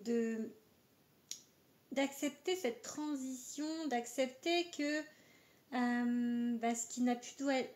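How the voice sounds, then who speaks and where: A woman's voice: fairly high pitch, darkish tone. A woman giving a casual astrology card reading, talking hesitantly with many filler words. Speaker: oracle card reader.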